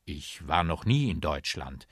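A man as a stout, deadpan talking bagpipe. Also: rumbling low, unhurried, breathy edge, no echo, clean studio sound, exaggerated voice. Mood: dry, deadpan.

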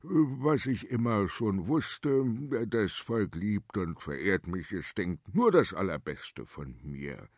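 A man's voice: lowish voice, expressive, slow, a bit bright, no echo, clean studio sound, heavily acted. A man voicing a vain, pompous fat king who bellows when offended. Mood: sheepish.

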